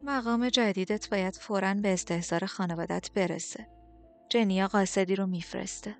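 A woman voicing a condescending queen who speaks slowly and mockingly, in an audiobook over faint music. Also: mid-range voice, steady tone, lightly acted. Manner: slow, drawn-out, mocking. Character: haughty, condescending queen, middle-aged woman.

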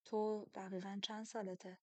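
A calm, ageless man of great power, as a woman reader puts him on, speaking low and sparing with words. His voice is level and dry, held well under the narration. The lines come quiet and guarded, like an audiobook scene by a campfire. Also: no echo, close to an everyday voice. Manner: quiet, low-key and terse. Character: centuries-old powerful man looking young, calm and guarded. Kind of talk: audiobook character reading.

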